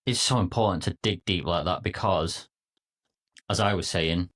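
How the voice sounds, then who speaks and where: Man, podcast co-host, coach, casual chat, enthusiastic, jokey, deep voice. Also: normal speed, a bit bright.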